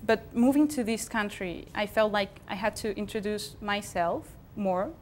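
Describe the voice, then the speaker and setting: A young adult woman from Venezuela, a native Spanish speaker, co-hosts a casual chat in a small TV studio, laughing often and restarting her sentences. Her voice is medium-pitched at a moderate pace, with slight background noise.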